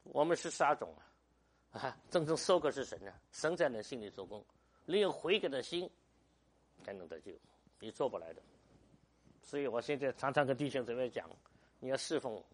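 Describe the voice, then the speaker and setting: A man's voice: mid-range voice, expressive, fairly quick, long pauses. An older man, a pastor, preaching a sermon with emphatic rhetorical questions and stories.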